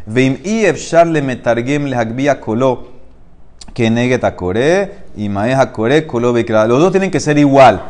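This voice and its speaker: A man's voice: mid-range voice, lively intonation, measured pace, a little mellow. A man teaching a Talmud class, explaining step by step and mixing in Hebrew and Aramaic phrases.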